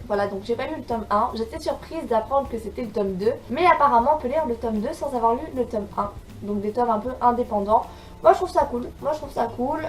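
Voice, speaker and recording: A woman's voice: on the high side, distant mic, slight background noise, poor audio. A young woman talking casually about books in a vlog, chatty and eager, with frequent filler words. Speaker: book vlogger. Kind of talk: casual chat.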